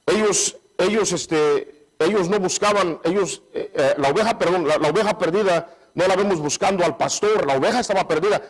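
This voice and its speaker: A man preaching a sermon in a church, repeatedly asking the congregation to say amen and swinging between loud raised phrases and low asides. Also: low-quality recording. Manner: call-and-response, repeating "¿cuántos dicen amén?" and "hermanos"; restarts and repeats phrases often.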